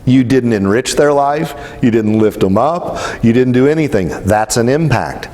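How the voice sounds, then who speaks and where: A man's voice: medium pitch, animated, normal speed, a little mellow, in a large hall. A man giving a motivational talk, telling stories in a blunt, casual way. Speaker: spiritual speaker.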